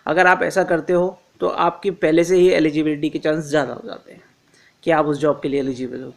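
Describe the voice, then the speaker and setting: A man giving informal career advice to viewers, calling them friends, repeating his reminders and often pausing on filler sounds. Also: fairly high pitch. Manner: addresses listeners as friends, frequent "uh" fillers; instructive, repeats key reminders.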